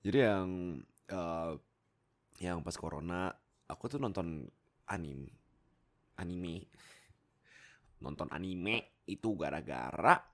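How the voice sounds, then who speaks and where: A young Indonesian man, a YouTube content creator and voice actor, rambles casually to his viewers into a close desktop microphone. His deep voice has lively intonation, and he's playful, often pausing hesitantly, cutting himself off, and tossing in jokey asides.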